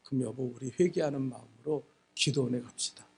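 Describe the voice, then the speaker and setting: Soft, remorseful middle-aged wife, as a man puts her on. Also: mid-range voice, a little fast, creaky, slightly rough, pitched below the performer's own voice. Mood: gentle. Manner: soft, hushed.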